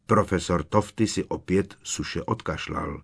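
A man reading a novel aloud as an audiobook narrator, measured and expressive. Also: low-pitched, vocal fry, husky.

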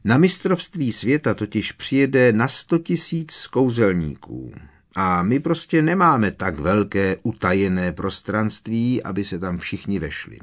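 A kindly middle-aged wizard father explaining patiently, read by a man. The voice stays low and calm. Storybook reading.

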